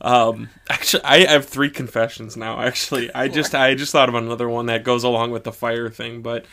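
Bright-voiced man, crude and joking. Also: medium pitch, level tone, brisk. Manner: crude, joking, swears freely. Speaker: podcast co-host. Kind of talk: casual chat.

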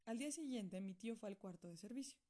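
A woman reading a first-person novel aloud in steady, plain storytelling. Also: a little high, fast talker. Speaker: audiobook reader. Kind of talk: first-person audiobook narration.

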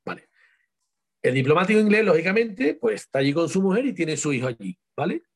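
A man with an Andalusian accent speaks in an interview with a husky, slightly breathy voice and a somewhat high pitch. His intonation is very lively and rises and falls with emphasis. He keeps asking rhetorical questions and repeats words to drive his point home. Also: a little fast. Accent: Andalusian Spanish. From Seville, Spain. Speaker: author being interviewed. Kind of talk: casual interview talk.

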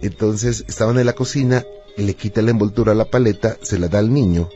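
A man hosting a call-in radio show, explaining things calmly and telling stories in a measured way. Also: lowish voice. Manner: calm, explanatory storytelling. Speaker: radio host and spiritual adviser. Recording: muffled lo-fi radio with faint music.

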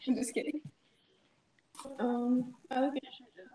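A young woman in casual chat with a friend, soft-spoken and playful. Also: high-pitched, fairly even intonation, a little slow, rough recording.

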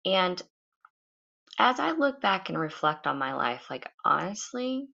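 A woman's voice: on the low side, big pitch swings, gravelly, sharp tone, lo-fi sound. A woman with a sleepy morning voice, musing unhurriedly in a solo podcast monologue recorded at home. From United States. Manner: musing, unhurried, loosely rambling. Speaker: podcast host. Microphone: home podcast setup.

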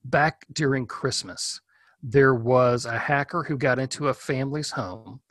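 A man speaks as a guest expert, laying out practical home security tips in a relaxed, explanatory way. His voice is recorded close and dry, with no room sound. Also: medium pitch, a little slow, dry recording. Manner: practical, explanatory, thinking aloud. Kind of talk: casual advice in an interview.

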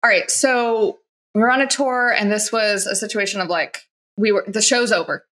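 A woman's voice: medium pitch, fairly even intonation, normal speed, a bit bright. A woman in conversation giving advice on handling workplace situations, talking casually with many fillers and acting out the lines people might say. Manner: chatty, many "like" fillers, acts out quoted lines. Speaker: guest expert on workplace conduct.

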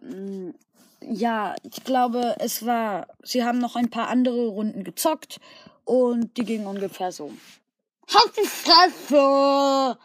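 A woman narrates a homemade audio story, loosely and with many fillers. She talks slowly, in a fairly high voice. The sound is dry. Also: a little mellow, no echo.

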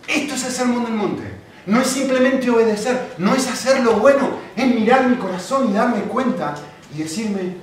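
Echoey preacher man in a big hall. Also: sits high. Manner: animated storytelling with acted quotes. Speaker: pastor. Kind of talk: sermon. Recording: very echoey hall, distant mic, faint noise.

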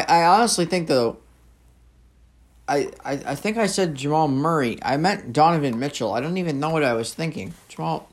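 A young man casually recapping basketball games as a host, rambling with lots of fillers and self-corrections. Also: a little high. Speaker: sports show host.

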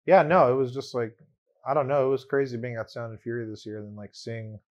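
A man's voice: medium pitch, fairly even intonation, fast, lo-fi sound. A young man with a mid-range voice in casual conversation. His talk is loose and full of slang, with a giggly way of telling a story. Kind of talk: casual chat.

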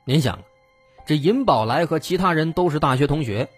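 Husky, animated male true crime narrator. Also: a little high, normal speed, soft background music. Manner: dramatic storyteller, poses suspenseful questions.

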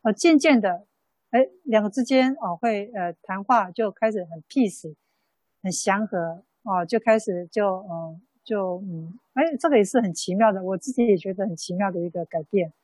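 A Buddhist nun giving a dharma talk in an unhurried storytelling way, full of soft fillers. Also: female voice, mid-range voice, breathy edge, no echo, rough recording. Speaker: Buddhist nun teaching a sutra class.

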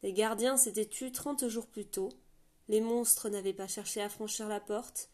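A woman narrating a novel aloud with a steady, measured reading. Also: mid-range voice. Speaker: audiobook narrator. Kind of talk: scripted storybook narration.

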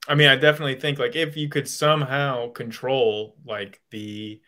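A man's voice: mid-range voice, flat delivery, moderate pace, bright, forceful tone. A male guest in a casual call-in debate, explaining his views with lots of hedging and restarts.

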